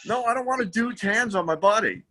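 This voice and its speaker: A man's voice: high voice, fairly quick, a crowd in the background. A man co-hosting a casual comedy chat, self-deprecating and stammering through restarts. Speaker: co-host.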